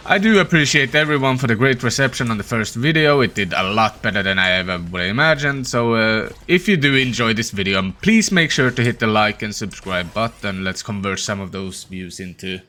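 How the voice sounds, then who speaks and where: A man hosting a gaming channel, giving casual, tired, low-energy commentary as he thinks aloud while playing. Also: animated, fairly quick, few pauses, sharp tone. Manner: opens with a put-on peppy intro voice.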